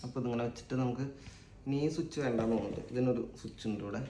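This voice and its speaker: In an echoey room with a little background noise, a Malayali vlog host unboxes something casually, sounding informal and a bit unsure as he thinks out loud. His voice is mellow and mid-range, with fairly even intonation and a rapid-fire pace.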